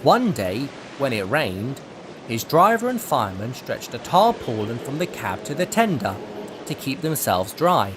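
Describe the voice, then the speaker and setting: A man reading a children's storybook aloud as narrator, expressive and unhurried. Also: mid-range voice, noisy background.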